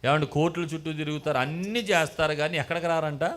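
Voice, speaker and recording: Pastor, male, high-pitched voice, emphatic call-and-response preaching. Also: fairly even intonation, fast, fairly bright tone. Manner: call-and-response preaching, mimics prayers, rising emphatic bursts. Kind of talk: sermon.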